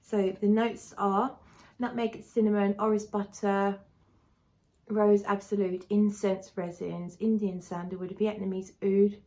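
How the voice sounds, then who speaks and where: A woman speaks at a medium pitch in a casual vlog style. Her speech has a lisp, with whistling s sounds from a dental brace. She rambles a little and corrects herself as she reviews. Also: flat delivery, measured pace, dark tone. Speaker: perfume reviewer. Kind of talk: casual chat to camera.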